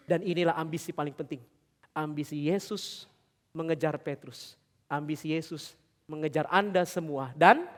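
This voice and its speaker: Male pastor, middle-aged, sermon delivery; high register, roomy hall reverb, shifts between fervent and hushed. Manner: swings from loud, high preaching to quiet, confiding storytelling; addresses the congregation directly with questions. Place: large church hall. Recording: long church hall reverb.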